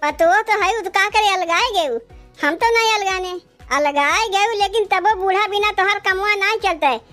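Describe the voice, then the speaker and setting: A woman's voice: very high voice, moderate pace, fairly bright tone, soft background music. A woman voicing quarrelsome young village daughters-in-law with an Awadhi accent, taunting and bickering.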